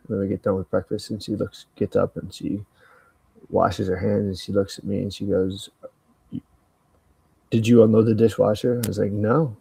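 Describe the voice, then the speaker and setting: A man's voice: on the low side, vocal fry, warm tone, husky, dry recording. An older man co-hosting a casual podcast, rambling through stories and ideas, swearing freely and acting out both sides of a conversation. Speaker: podcast co-host. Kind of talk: casual chat.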